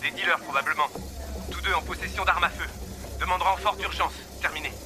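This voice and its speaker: A young constable calling in over police radio. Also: male voice, sits high, fairly even intonation, a little fast, music in the background. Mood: businesslike. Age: 20s. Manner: clipped radio call-sign protocol. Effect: police radio transmission. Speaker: police officer on patrol. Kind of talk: dubbed TV crime drama.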